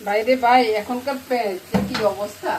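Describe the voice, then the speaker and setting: Speaking fairly quickly in a slightly high voice, a middle-aged woman with a Noakhali Bengali accent from Bangladesh hosts a casual cooking vlog at home. She's chatty and often asks her viewers "you get it?", with loud sizzling and frying heard in the kitchen.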